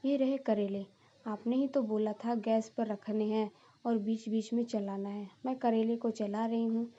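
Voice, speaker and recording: A woman's voice: on the high side, fairly even intonation, unhurried, mellow, muffled recording. A woman voicing a silly, literal-minded young daughter-in-law in a cartoon story, naive and earnest.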